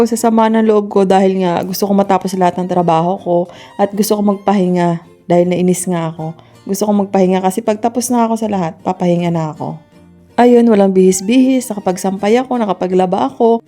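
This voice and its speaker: A woman who works as a domestic helper tells a story in a casual vlog, with a naturally loud voice. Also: mid-range voice.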